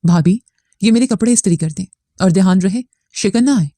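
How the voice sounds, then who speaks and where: A woman's voice: medium pitch, fairly quick, dark tone, dry recording, clean studio sound, close to an everyday voice. A woman voicing a haughty, spoiled young sister-in-law who gives orders. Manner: condescending, ordering.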